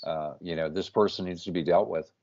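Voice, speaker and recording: Man, interview host, low voice, firm, emphatic, muffled lo-fi sound. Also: steady tone, fairly quick, a little mellow. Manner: firm, emphatic, keeps saying "you know what". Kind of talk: casual interview. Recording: muffled lo-fi call audio.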